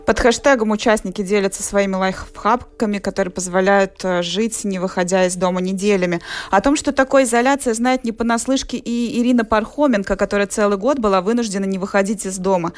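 A woman hosting a radio programme, presenting guests and introducing segments. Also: medium pitch. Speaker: radio host.

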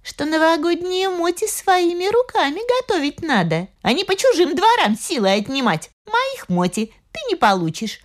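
A woman's voice: extremely high pitch, big pitch swings, normal speed, hardly any pauses, voice pushed up. Feisty tiny old granny, as a woman puts her on. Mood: defiant. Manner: indignant, scolding, drawn out. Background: faint music.

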